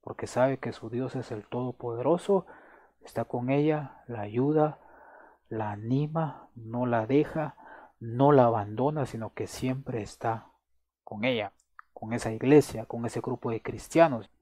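A man delivering a sermon in a dark, mellow voice. He speaks slowly and emphatically, repeating phrases for weight. The sound is dry and close. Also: medium pitch, dry recording. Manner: prays aloud to close. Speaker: preacher.

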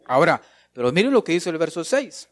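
Male preacher, fairly high voice, emphatic sermon delivery with repeated phrases, dry recording. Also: very animated, brisk, dry recording. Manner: emphatic, repeats phrases, addresses congregation as brother.

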